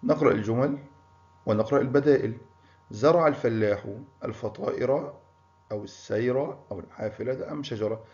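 A man's voice: mid-range voice, brisk, a little mellow. A man teaching a primary school grammar lesson, encouraging pupils and praising them by name. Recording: muffled lo-fi recording.

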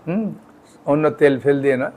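A man gives a relaxed devotional talk in a fairly high voice. He explains practices plainly and keeps asking his listeners if they follow. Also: a little fast. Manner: conversational, frequent "yes?" and "all right?" checks with listeners. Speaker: devotional teacher. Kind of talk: informal devotional lecture.

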